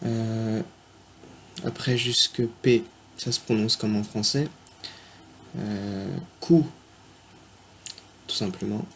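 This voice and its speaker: A man teaching a beginner language lesson on video, talking unscripted, spelling words out slowly and stopping often to hesitate. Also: lowish voice, steady tone, a bit bright. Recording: faint background noise.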